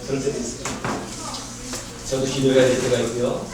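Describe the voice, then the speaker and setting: A male pastor giving a conversational sermon, quizzing the congregation with rhetorical questions and moving between lively raised passages and quiet asides. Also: mid-range voice, brisk, noisy background. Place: church sanctuary. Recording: very echoey church, mic far off.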